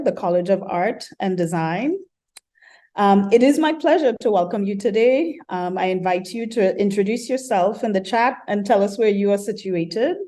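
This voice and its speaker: Her voice medium in pitch and dark in tone, a Trinidadian architecture professor welcomes attendees to an online colloquium over a computer mic. The talk is measured, though sprinkled with ums and uhs.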